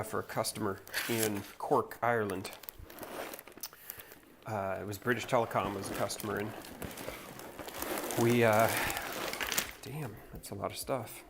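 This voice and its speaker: A man's voice: fairly low pitch, fairly even intonation, a little slow, long pauses, music in the background. A man from North Carolina hosting a livestream, chatting casually and rambling in a laid-back way as he builds. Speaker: livestream host. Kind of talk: casual chat while building.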